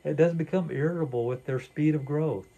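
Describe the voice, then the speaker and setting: An older man delivers a sermon in a relaxed back-and-forth, earnest and reflective, with frequent fillers. His voice sits slightly high but sounds dark and mellow. He is recorded on a camera at table distance in a small wood-paneled room. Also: brisk, husky, highs cut off. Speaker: pastor. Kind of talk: conversational sermon dialogue.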